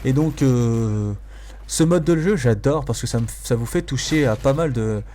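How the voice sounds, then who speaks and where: A man's voice: medium pitch, moderate pace, dark tone. A man giving casual, amused gameplay commentary as a video host, hesitating and repeating phrases for emphasis. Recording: faint noise, game sounds behind.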